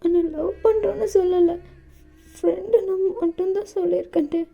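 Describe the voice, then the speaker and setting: A woman's voice: extremely high pitch, fairly even intonation, normal speed, vocal fry, mellow, voice pushed up. A woman voicing an anxious, clingy young man who pleads and sobs in a storybook romance. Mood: tearful pleading. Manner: sobbing, pleading, sulky. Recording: dull lo-fi with faint music.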